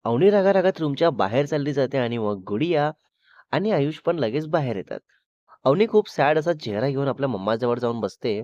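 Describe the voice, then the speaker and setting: Man, storyteller, steady scripted narration, dry, slightly lo-fi. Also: mid-range voice, brisk, no room sound. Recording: slightly dull lo-fi recording.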